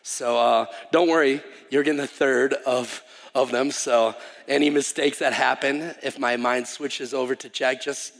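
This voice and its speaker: With a mid-range, gravelly voice, steady tone, and measured pace, a thirtysomething missionary from Wisconsin introduces his sermon as a guest preacher. He is chatty and self-deprecating, often saying um and starting over, recorded with live reverb in a church sanctuary.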